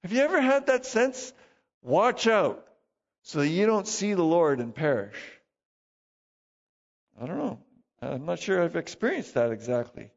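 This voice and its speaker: A man's voice: high voice, big pitch swings, a little slow, gravelly, pauses often. A man preaching a sermon as pastor, conversational and self-deprecating, full of rhetorical questions. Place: church. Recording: dull, reverberant church hall recording.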